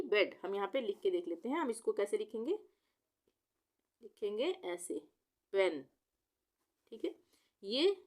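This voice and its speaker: Patient woman teaching spelling aloud. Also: mid-range voice. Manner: patient, asks and answers her own questions; spells words out letter by letter. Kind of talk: Hindi lesson on English pronunciation.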